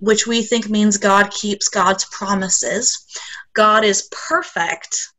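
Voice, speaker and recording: A woman on a group video call leading children in a call-and-response prayer, saying short phrases and pausing for repetition. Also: mid-range voice, fairly even intonation, pushed and bright, low-quality recording.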